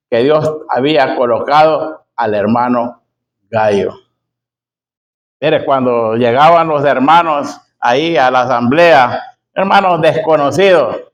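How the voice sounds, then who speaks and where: Slow, emphatic preacher man. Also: fairly high pitch, low-quality recording. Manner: emphatic, repeats key phrases slowly; addresses listeners as brother and sister. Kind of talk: sermon.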